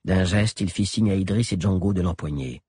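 A man narrating an audiobook with an expressive, dramatic delivery. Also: sits low, a little fast, breathy edge, dry recording, studio quality.

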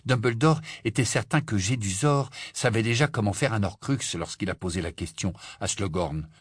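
A man giving measured narration as an audiobook reader. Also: lowish voice, animated, breathy edge, dry recording, studio quality. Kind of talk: scripted narration.

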